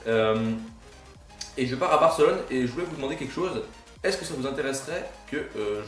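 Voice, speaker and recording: A man's voice: medium pitch, distant mic. A young man giving casual gameplay commentary as a gaming YouTuber, rambling and self-mocking with casual swearing. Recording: roomy, off-mic, faint game music.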